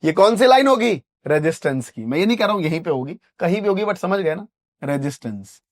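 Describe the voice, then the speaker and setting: A man's voice: sits high, expressive, brisk, dry recording, studio quality. A man teaching trading over a chart, who keeps asking rhetorical questions, answers them himself and checks in with "correct?", speaking. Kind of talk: chart lesson screen narration.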